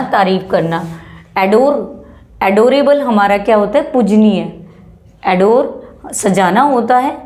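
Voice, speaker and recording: A woman's voice: mid-range voice, warm tone. A young woman teaching an English grammar lesson, patiently explaining rules in Hindi and listing English example words one by one, often asking rhetorical questions. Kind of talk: classroom-style grammar lesson.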